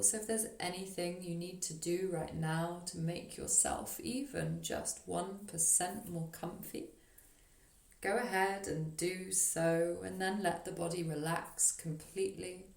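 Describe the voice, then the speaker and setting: A yoga nidra teacher leads a guided meditation, her fairly low voice soothing, gentle and unhurried, with long pauses. There is a roomy echo on her voice.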